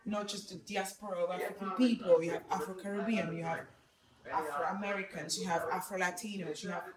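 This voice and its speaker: A woman's voice: lowish voice, fairly quick. A woman with a slight Argentine accent who grew up in Argentina, chatting animatedly in a busy museum exhibit. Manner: animated, explanatory. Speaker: museum visitor interviewee. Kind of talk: casual chat. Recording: echoey hall with crowd.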